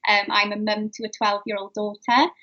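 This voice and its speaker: A woman's voice: mid-range voice, little pitch movement, normal speed, a bit bright. A middle-aged woman with a South Wales valleys accent, chatting casually as an interview guest over lo-fi audio. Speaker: podcast guest, dance teacher and coach. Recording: dull lo-fi call audio.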